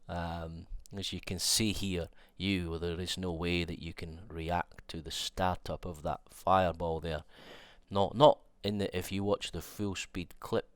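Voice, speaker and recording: A young man with a low voice, made nasal by a cold, talks fast and excitedly through a fighting game trailer. He rambles and restarts, thinking aloud, and his tone stays smooth and resonant. The sound is close and dry. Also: no room sound. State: has a cold. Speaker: fighting game content creator. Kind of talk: excited trailer breakdown commentary.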